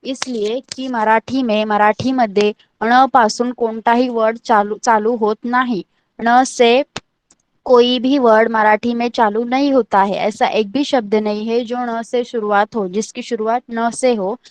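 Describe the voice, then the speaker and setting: A woman's voice: on the high side, fairly even intonation, measured pace, dry recording. A woman teaching an online language class, patiently repeating each letter and checking that everyone understands.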